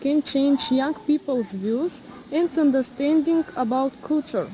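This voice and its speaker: A woman's voice: high-pitched, lively intonation, unhurried, warm tone, a little hiss or hum, rough recording. A woman interviewer reading out her questions, with the odd filler.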